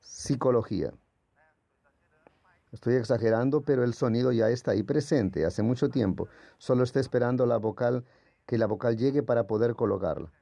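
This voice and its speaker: A man's voice: mid-range voice, a little fast, creaky, warm tone, no room sound. A man whose first language is Portuguese gives a patient, explanatory lecture as a Greek language teacher, sounding out letters as he goes. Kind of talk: classroom lecture.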